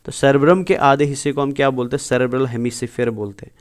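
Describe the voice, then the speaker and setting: Guy teaching biology, smooth clear voice, keeps quizzing students then answering himself, mixes english in. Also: mid-range voice, little pitch movement, fast. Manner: keeps asking and answering his own questions, calls students "beta"; mixes English terms and sentences into his Hindi. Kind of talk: exam-prep lecture over slides.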